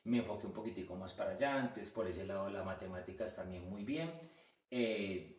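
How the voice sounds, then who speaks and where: A man's voice: low-pitched, brisk, far from the mic, highs cut off. A man from Colombia with a Colombian accent, chatting as a podcast guest, full of fillers and restarts. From Colombia, Quindío region. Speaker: guest, orthodontist. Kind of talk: casual interview chat. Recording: echoey room, voice a bit off-mic.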